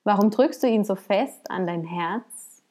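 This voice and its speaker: Woman voicing a calm, sly old sage. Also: medium pitch, a little slow, natural voice.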